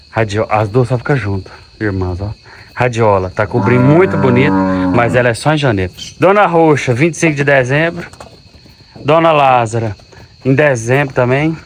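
A man's voice: mid-range voice, slight background noise. A man, a dairy farmer chatting casually and fondly talking to his cows on a farm. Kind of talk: casual farm vlog narration. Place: outdoors on a cattle farm. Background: faint animal, bird and insect sounds.

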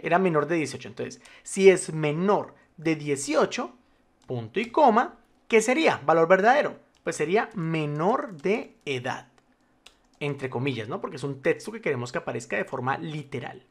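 A man's voice: fairly high pitch, very animated, normal speed. A man teaching a spreadsheet tutorial, explaining step by step, reassuring the viewer and checking in often. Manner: formal address to the viewer, patient step-by-step explaining. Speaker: spreadsheet instructor. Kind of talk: screen-recorded software tutorial.

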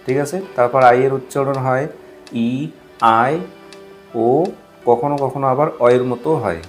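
A man explains English pronunciation rules at a patient, steady pace. He reads each example word aloud and repeats it. A faint musical bed sits low under his middle-pitched voice. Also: fast, faint music behind. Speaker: English teacher.

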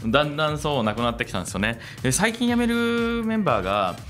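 Seated at a table in a small room, a middle-aged man talks fast in a slightly high, sing-song voice into a table microphone on a stand. The radio host and company founder delivers a reflective, conversational monologue and interviews guests over soft background music.

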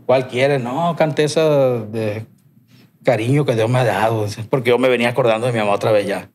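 A man's voice: mid-range voice, a little fast, darkish tone, a little hiss or hum. A man with a Sinaloan accent, a podcast guest telling a long personal story in rambling, slang-heavy, swearing speech. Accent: Sinaloan Mexican Spanish. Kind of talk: casual storytelling.

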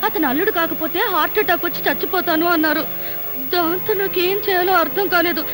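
A pleading young wife. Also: female voice, very high-pitched, fairly quick. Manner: pleading, soft-spoken. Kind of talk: film dialogue. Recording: film soundtrack with music underneath.

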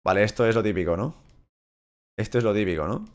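A young man from Spain with a Spain Spanish accent, giving casual, excitable, crude Let's Play commentary and shouting at the game. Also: fairly low pitch, fast. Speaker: gaming YouTuber.

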